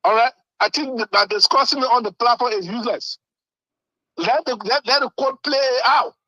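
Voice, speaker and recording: High, insistent man in a debate. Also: sharp tone, no room sound, dull audio. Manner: insistent, halting, repeats words. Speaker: panel caller putting questions. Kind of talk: argumentative community discussion.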